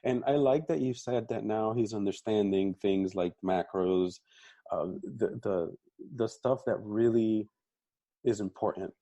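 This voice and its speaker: A man's voice: on the low side, measured pace, mellow, dry recording. A man hosting a fitness podcast, chatting casually and affirming his guest, often repeating words as he thinks. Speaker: podcast host and coach. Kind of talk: casual interview chat.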